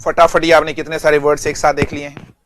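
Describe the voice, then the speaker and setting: Fairly high-pitched, flat-toned male teacher. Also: fast, slight background noise. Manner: repeats words and quizzes students. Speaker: English teacher. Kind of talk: online exam-prep vocabulary lesson.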